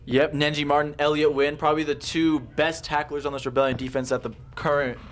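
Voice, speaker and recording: A man's voice: fairly high pitch, flat delivery, fairly quick. A man doing enthusiastic, upbeat play-by-play commentary on a football game. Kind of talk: live sports commentary.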